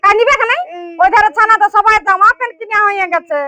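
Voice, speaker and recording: A woman playing a wife in a comedy skit, bickering in a bright, high voice. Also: fairly even intonation, fast talker, a crowd in the background. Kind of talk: rural comedy skit dialogue.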